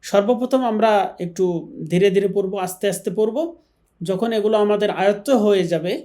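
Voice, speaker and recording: Guy with a high voice teaching quran letters, slow careful syllables, says each one twice. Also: dark tone. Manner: slow, clear drilling of letter sounds, repeating each syllable; opens with Arabic greetings and prayers. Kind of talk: online Quran reading lesson.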